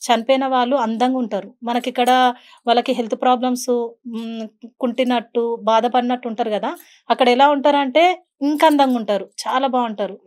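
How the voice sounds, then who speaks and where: Woman guest, earnest storyteller, quick and a touch high. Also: fairly even intonation, a little mellow. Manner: earnest, telling a personal story with quoted speech. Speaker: guest, beautician and meditation teacher. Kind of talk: podcast interview, personal story.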